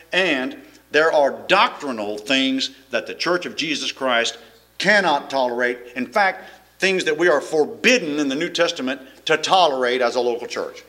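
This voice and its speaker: Pastor, middle-aged man, folksy and rambling, bright animated voice, fairly high. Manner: folksy, rambling with frequent restarts and chuckles. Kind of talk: sermon.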